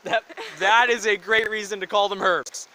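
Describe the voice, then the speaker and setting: A man's voice: sits high, fairly even intonation, moderate pace, sharp tone, poor audio. A man co-hosting a casual podcast chat with his brothers, upbeat and joking, rambling with enthusiasm and an uneven pace. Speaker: podcast co-host.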